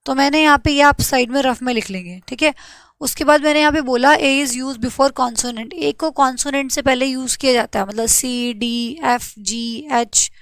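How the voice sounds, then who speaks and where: Her voice sits high and smooth, with no echo, as this young woman teaches English grammar to students facing an exam. She slowly spells out letters and fields her own questions.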